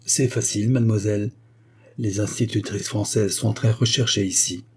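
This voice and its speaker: A man's voice: fairly low pitch, steady tone, moderate pace, a little mellow, breathy edge. A man voicing a stern, wealthy American father who questions in a commanding manner. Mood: stern questioning.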